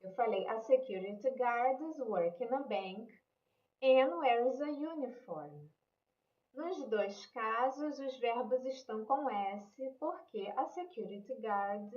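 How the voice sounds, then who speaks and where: A woman's voice: on the high side, lively intonation, slow, a little mellow, roomy sound, muffled recording. A woman English teacher with a Brazilian Portuguese accent, patiently explaining an online lesson and checking in with "né?" and "ok?".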